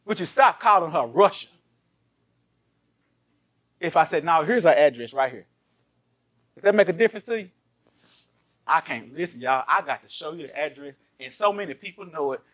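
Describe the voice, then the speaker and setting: High, bright-voiced pastor preaching. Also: male voice, normal speed, long pauses. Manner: animated, asks the congregation many rhetorical questions. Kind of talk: lively sermon. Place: church.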